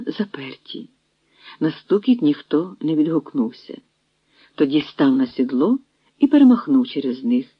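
Expressive audiobook narrator, lively pitch. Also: breathy edge, no room sound. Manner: expressive storytelling reading. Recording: dry, dull lo-fi sound.

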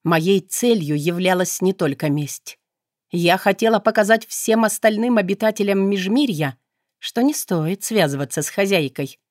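A woman's voice: medium pitch, animated, moderate pace, no echo. A woman reading a first-person audiobook in a wry, conversational manner, close to the mic. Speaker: audiobook narrator.

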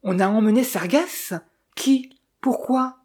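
A woman's voice: fairly high pitch, slow, darkish tone, breathy edge, voice pushed up. A woman voicing a bewildered young male clerk. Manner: bewildered, anxious questioning. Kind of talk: audiobook character voice.

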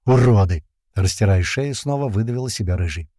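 Casting: male first-person narrator, tense and colloquial, mellow dark timbre, dry close sound. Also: lowish voice, lively intonation, quick pace, dry recording. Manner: tense, colloquial storytelling with slang. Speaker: audiobook narrator.

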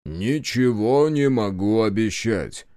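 A man voicing a smug, stern police sergeant who speaks in a gruff way. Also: fairly low pitch, lively intonation, takes it slowly, warm tone, no room sound, clean studio sound.

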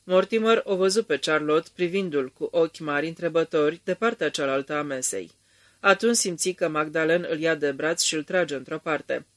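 A man narrating a radio drama in a calm, measured storytelling manner. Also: on the high side, close to an everyday voice.

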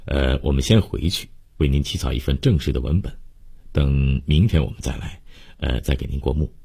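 A man reading a brisk, accommodating lawyer. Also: a bass voice, gravelly, warm tone, husky, exaggerated voice. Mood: businesslike. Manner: brisk, accommodating, hesitant 'uh' fillers. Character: businesslike middle-aged male lawyer.

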